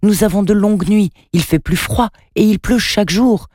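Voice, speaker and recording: A man's voice: sits high, normal speed, a little mellow, no echo, clean studio sound, pitched above the performer's own voice. A man voicing a firm, matter-of-fact alien at a space station in a storybook. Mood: urgent.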